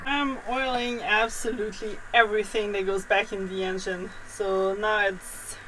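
A woman's voice: medium pitch, level tone, moderate pace, pushed and bright, a little hiss or hum. A woman making brief, offhand comments from a distance while helping with a boat engine repair in the cabin. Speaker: sailing partner helping with the repair. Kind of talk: casual remarks.

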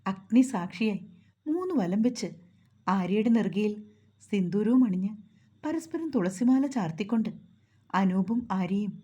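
A woman narrating a dramatic family story in a steady storytelling manner. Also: mid-range voice, normal speed, long pauses, husky.

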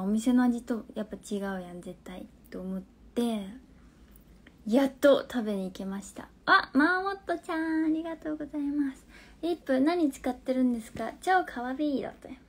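A woman in her twenties with a Hakata dialect, hosting a casual phone live stream, chatting, reading viewer comments aloud and answering them, sometimes dropping into soft near-whispered asides. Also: a little high. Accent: Hakata dialect of Fukuoka.

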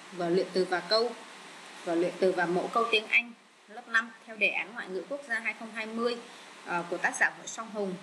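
A woman with a Vietnamese accent teaching English vocabulary, repeating each word slowly with many fillers. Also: medium pitch, bright, forceful tone, slight background noise, low-quality recording. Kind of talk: slow bilingual vocabulary lesson.

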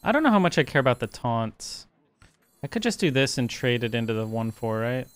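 A man's voice: medium pitch, big pitch swings, brisk. A man streaming a card game, chatting casually and thinking through his moves aloud with plenty of fillers. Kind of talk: casual gameplay commentary.

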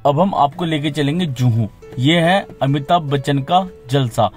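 A man's voice: on the high side, unhurried, faint music behind. Man narrating a city tour voice-over. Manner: informative tour-guide delivery. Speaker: travel vlogger.

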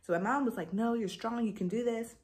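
A young woman vlogger casually recounting her labor story, animated and jumping high in pitch when she retells her frustration. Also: a little fast.

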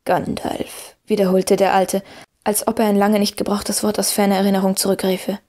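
A woman reading a fantasy story aloud with an even storytelling delivery. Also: mid-range voice, fairly quick. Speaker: audiobook narrator. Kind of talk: scripted fantasy narration.

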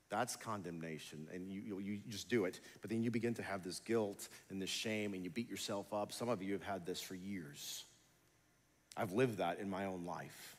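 A man preaching a sermon as pastor, conversational and building to emphatic passages. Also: on the low side. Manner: conversational preaching, rising to emphatic near the end. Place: large church sanctuary. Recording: church hall reverb.

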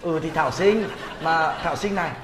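Man as a sleazy teasing neighbor, fast talk, roomy echo, comedy series. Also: fairly high pitch, crowd noise, background noise, lightly acted. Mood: coaxing. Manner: coaxing, snickering.

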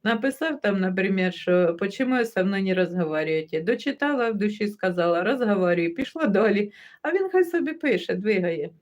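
A woman's voice: medium pitch, lively intonation, fairly quick. A woman hosting a livestream in casual chat, reading out viewer comments and greeting viewers by name. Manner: chatty, warmly greets viewers by name one after another; easygoing, laughs as she talks. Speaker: livestream host.

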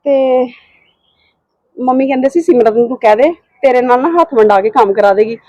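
A woman playing a tired, unwell young wife who pleads and tries to calm things down in a short home drama. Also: high-pitched, a little fast, no room sound, highs cut off. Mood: pleading. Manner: pleading, placating. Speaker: sister-in-law character. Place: home, indoors.

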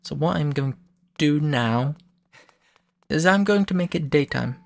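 A man's voice: fairly high pitch, measured pace, gravelly. A man giving casual, explanatory commentary as he plays through a video game. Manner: relaxed, explanatory, self-correcting. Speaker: let's play host.

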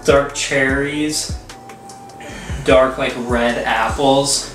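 Male reviewer, twenties, casual bro-style co-host, emphatic and slangy, mid-pitched, slightly off-mic in an echoey room. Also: steady tone, extremely slow, fairly bright tone, faint music behind. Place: small room with home bar, indoors. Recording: roomy echo, slightly distant mic.

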